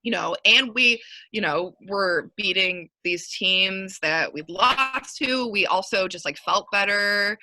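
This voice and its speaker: A woman's voice: medium pitch, slow, sharp tone, dry recording, poor audio. A young woman in her twenties, a basketball coach, talking casually and upbeat in an interview, rambling with lots of fillers.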